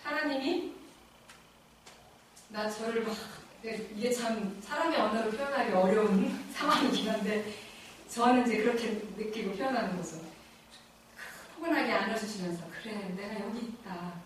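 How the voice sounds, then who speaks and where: A middle-aged woman recounts her conversion as a guest speaker at a church lecture. Her voice sits a little high, and she tells the story with animated, emotional energy, laughing often. The mic is some way off in a very echoey lecture room. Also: normal speed, far from the mic, slight background noise. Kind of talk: personal faith testimony talk.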